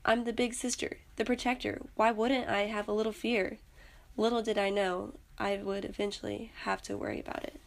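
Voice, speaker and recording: A woman's voice: mid-range voice, little pitch movement, moderate pace, creaky. A young woman earnestly reading aloud a personal story she wrote as a student. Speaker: student narrator.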